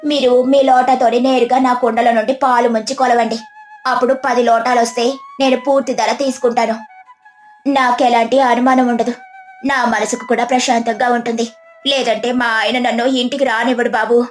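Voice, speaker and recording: A woman's voice: a little high, level tone, moderate pace, soft background music, close to an everyday voice. A woman voicing a clever young farmer's wife who speaks politely but firmly. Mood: pleading. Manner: polite but firm, turning stern.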